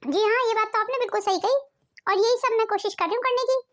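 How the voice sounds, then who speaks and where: Cartoon: woman playing a patient, wise mother-in-law, very high voice. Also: quick pace, a bit bright. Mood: reasoning. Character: fair-minded older mother-in-law, gentle and wise.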